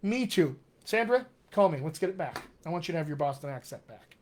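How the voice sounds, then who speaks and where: A Colorado-born dialect coach runs a casual live Q&A in an upbeat, teacherly style. His General American accent carries hints of West Texas and upstate New York. His voice is fairly high and expressive, and he talks a little fast.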